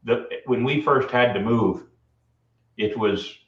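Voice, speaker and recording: A man's voice: medium pitch, slow. A man hosting a casual live video chat and welcoming people to visit. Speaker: host welcoming guests. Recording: distant mic, roomy echo, dull sound.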